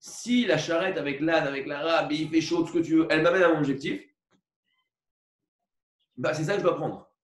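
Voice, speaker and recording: A man teaching a religious lesson, explaining slowly with many repetitions and asides and asking for agreement. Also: on the high side. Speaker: Torah teacher. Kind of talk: religious lecture with a parable. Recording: echoey room recorded from far off.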